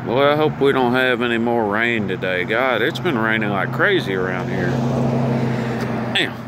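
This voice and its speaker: A man's voice: medium pitch, expressive, moderate pace, background noise. A man, chatting casually in a rambling, folksy vlog about vaping gear. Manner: folksy, easygoing drawl with fillers. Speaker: vaping vlogger.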